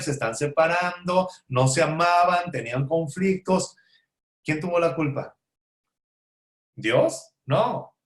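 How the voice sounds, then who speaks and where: A man teaching a conversational Bible study lesson, asking and answering his own rhetorical questions with joking asides. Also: medium pitch. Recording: roomy echo.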